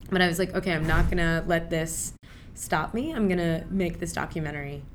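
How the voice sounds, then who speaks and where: A young Pakistani woman, a native Urdu speaker, talks casually and animatedly as a filmmaker guest in an interview, filling her speech with lots of fillers. Her voice sits on the low side and moves fairly quickly, with slight background noise.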